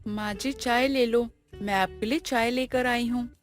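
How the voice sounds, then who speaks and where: A woman voicing a soft-spoken, patient young daughter-in-law who talks slowly and gently in an animated moral story. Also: on the high side, faint music behind, lightly acted. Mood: gentle, calm.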